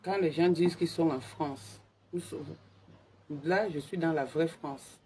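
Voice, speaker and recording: A woman hosting a casual live stream on her phone, talking quietly and in a hushed way. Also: sits low, unhurried, very noisy.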